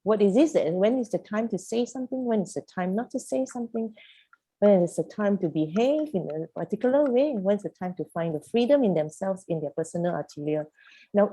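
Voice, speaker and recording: A woman's voice: medium pitch, warm tone, slightly rough. A woman facilitating a youth program over a video call, speaking emphatically and posing one rhetorical question after another. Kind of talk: animated group coaching.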